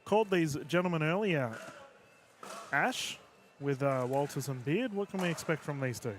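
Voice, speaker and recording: A man's voice: on the high side, lively intonation, a little hiss or hum. Man calling live play. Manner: brisk, calls the play with short bursts. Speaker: commentator. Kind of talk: live sports commentary.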